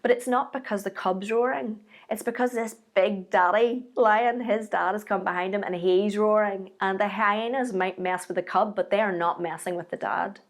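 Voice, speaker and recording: A woman's voice: mid-range voice, steady tone, normal speed, hardly any pauses. Earnest woman giving an encouraging sermon. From Ireland. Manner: earnest, encouraging, conversational teaching. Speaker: speaker giving a devotional message. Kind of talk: short sermon.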